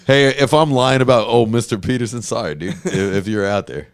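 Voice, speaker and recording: A man's voice: medium pitch, a little fast, no echo, studio quality. A man hosting a casual podcast, telling stories in a profane, rambling way. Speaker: podcast host. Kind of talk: casual chat.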